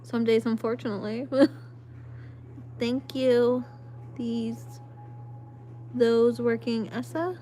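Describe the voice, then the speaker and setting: A woman's voice: a little high, steady tone, very slow, long pauses, warm tone, a little hiss or hum. A woman in her thirties hosting a casual late-night live stream at home, reading viewer comments in a rambling, apologetic way with lots of "um"s, close to her phone. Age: 30s. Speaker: livestream host. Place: at home at night, lit by a flashlight. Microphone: phone camera held close.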